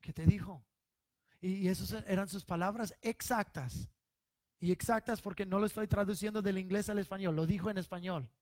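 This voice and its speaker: A man preaching a sermon as pastor to his congregation, emphatic and swelling to loud stressed lines. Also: high voice, steady tone, fairly quick, no room sound.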